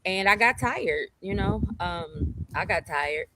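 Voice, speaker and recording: A woman telling her own story as a guest in a casual conversation, animated and expressive, acting out quotes as she goes. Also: on the low side, slow pace, noisy background.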